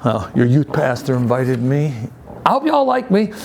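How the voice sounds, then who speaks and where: An American man giving an informal youth group talk as an upbeat, folksy youth pastor, in a halting, stammering way that repeats words. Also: medium pitch, big pitch swings, vocal fry, a little hiss or hum.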